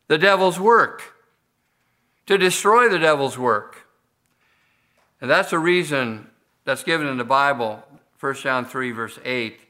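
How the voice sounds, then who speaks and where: Older male pastor with a bright voice. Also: fairly high pitch. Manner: measured, unhurried delivery with frequent pauses and restarts. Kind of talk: sermon.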